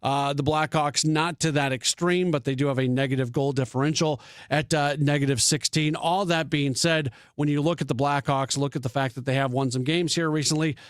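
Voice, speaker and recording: Fairly high-voiced man, sports radio host. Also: fairly even intonation, a little fast, smooth, dry recording, studio quality. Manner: thinking aloud with frequent restarts and fillers.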